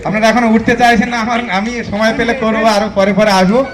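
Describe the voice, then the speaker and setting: A man with a West Bengal accent and a high-pitched, level voice talks fast while doing live magic show patter on a club function stage. He chats to the audience like a kids party magician, heard through an echoey live PA with music.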